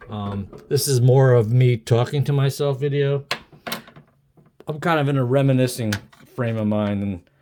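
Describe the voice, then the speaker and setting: An amateur video maker, middle-aged, talks to himself in a mid-range voice at a moderate pace, showing off an object at home. His casual rambling is hesitant, musing and self-deprecating, and he sits at a wooden desk in a home room. The recording, made on a camera or phone on a tripod, is clearly noisy with clicks.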